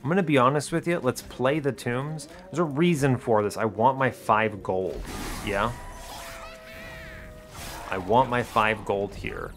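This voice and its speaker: Speaking at a measured pace in a medium-pitched voice, a man narrates his gaming strategy as he plays. His commentary comes in short, casual, colloquial bits with a wry edge, and game music runs underneath.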